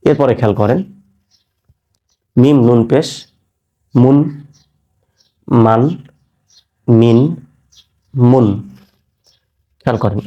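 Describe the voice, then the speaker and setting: A man teaching Quran reading in an online class, patiently spelling out letters and sounds and asking learners quick check questions. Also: mid-range voice, warm tone. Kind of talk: recorded online lesson.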